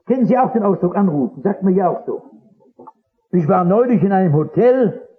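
A man's voice: high-pitched, lively intonation, a little fast. A man preaching as a pastor before a congregation, telling stories fervently and acting out their dialogue. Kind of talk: sermon. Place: church or hall before a congregation. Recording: dull lo-fi old recording.

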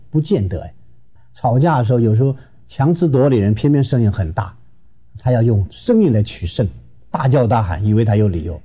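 Animated man, husky and dark. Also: lowish voice. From Shenyang, Northeast China. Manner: lively and emphatic, acting out quarrels. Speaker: marriage counselor. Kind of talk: advice lecture.

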